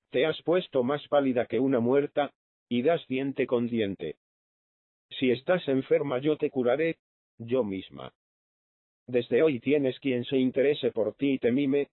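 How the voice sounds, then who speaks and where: Brief: male reader doing a gentle, caring young lady for an audiobook, lo-fi thin sound. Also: medium pitch, no echo, close to an everyday voice. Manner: tender, eager, caring. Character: kind, gentle young lady of wealth, woman. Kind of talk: audiobook reading.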